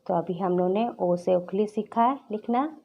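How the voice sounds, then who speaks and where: A woman teaching a nursery class, speaking slowly and clearly to small children and drawing out each repeated letter. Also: medium pitch, lo-fi sound. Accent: Hindi. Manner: drawn-out repetition, stressing each letter.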